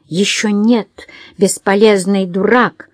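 A woman's voice: steady tone, no echo, studio quality. A woman voicing a drunk, spiteful society woman who jeers shrilly and drawls her insults. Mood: furious. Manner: shrill, jeering, slow and scornful.

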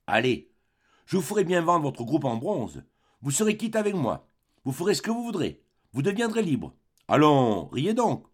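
Bossy, jealous old spinster read by a man, pitched up high, sharp and scolding, for a storybook reading. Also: big pitch swings, moderate pace, breathy edge. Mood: coaxing.

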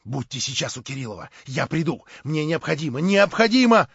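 Give me an insistent, scheming young man, as a male narrator puts him on, lively and pressing. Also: fairly high pitch, brisk, husky, dry recording, muffled recording, heavily acted. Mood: urgent.

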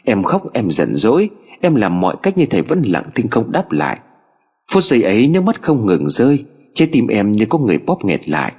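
A man narrating a ghost story in an expressive, dramatic reading style. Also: fairly low pitch, fairly quick, breathy edge, big-room sound.

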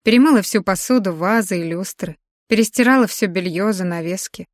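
A woman narrating a novel in the first person with a measured, expressive reading. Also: medium pitch, no echo, studio quality. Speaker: audiobook narrator.

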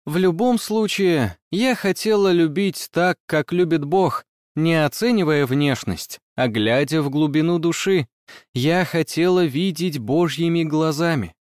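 A man narrating a first-person story in a measured, even reading. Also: a little high, no room sound, studio quality.

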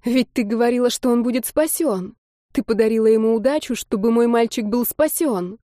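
A woman's voice: fairly high pitch, a little fast, dark tone, no room sound, studio quality, lightly acted. A woman reading aloud, voicing the anxious, pleading disembodied voice of a grown woman that comes from nowhere. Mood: distressed. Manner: pleading, upset. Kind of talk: audiobook reading.

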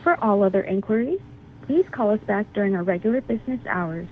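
A woman's voice: medium pitch, expressive. Recorded phone menu voice of a woman. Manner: measured, evenly paced reading. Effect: recorded phone menu message. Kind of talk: automated phone menu announcement. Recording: tinny phone line with faint hiss.

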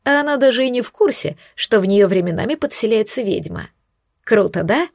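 A woman voicing a scornful, smug young female witch who mocks and threatens in slow, hissing tones, recorded dry and close. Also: medium pitch, animated, vocal fry, darkish tone, dry recording. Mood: sneering. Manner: mocking, hissing, drawn-out threats.

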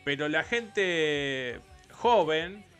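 A man's voice: fairly high pitch, animated, drawn-out words, fairly bright tone, clear, resonant tone, soft background music. A man in his forties with an Argentine accent, hosting a casual radio interview in a chatty, rambling, opinionated way. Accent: Argentine Rioplatense. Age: 40s. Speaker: radio host.

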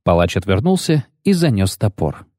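A male audiobook narrator with an animated, swinging delivery. He reads expressively and theatrically. The sound is close and dry. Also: lowish voice, moderate pace, no room sound. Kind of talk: scripted narration.

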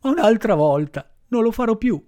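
A whiny wooden puppet boy pleads in a high, wavering voice, close to tears, as a man reading a storybook puts him on. His voice jumps up in lively, desperate swings. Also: normal speed. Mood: tearful. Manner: whiny, sobbing pleas.

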